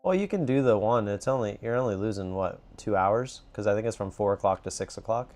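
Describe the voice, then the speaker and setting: A man's voice: fairly low pitch, fairly quick, darkish tone, soft background music. A man hosting a casual live trading stream from a cruise ship, chatting easily and reading viewer comments aloud. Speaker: livestream trading host.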